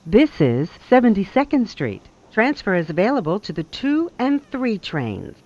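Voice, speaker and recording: A recorded subway announcer heard over a train loudspeaker, speaking in measured, evenly spaced phrases. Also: medium pitch, huge pitch swings, highs cut off. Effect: played over a train loudspeaker.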